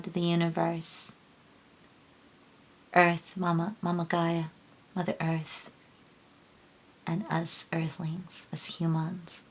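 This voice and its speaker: Slow, earnest woman reading tarot. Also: fairly low pitch. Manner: earnest, preachy, repeats herself, restarts sentences. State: emotional, near tears. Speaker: tarot reader. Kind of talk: casual tarot reading vlog.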